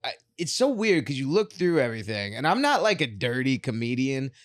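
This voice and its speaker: A man's voice: medium pitch, very animated, fairly quick, no room sound, studio quality. A man co-hosting a podcast in easygoing casual chat, calling his friend bro and dude. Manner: laid-back, says "bro" and "dude" a lot. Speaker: podcast co-host.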